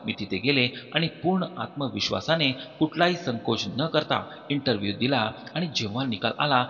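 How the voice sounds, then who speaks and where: A man narrating a heartfelt family story in a steady, even storytelling voice. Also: mid-range voice, moderate pace. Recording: dull recording with long reverb, soft music behind.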